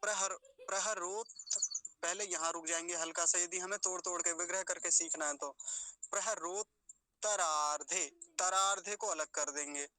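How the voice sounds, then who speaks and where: A man teaching careful pronunciation, breaking words into syllables and repeating each one slowly. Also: on the high side, fairly even intonation, bright, forceful tone, rough recording. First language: Hindi. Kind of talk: explanatory pronunciation lesson.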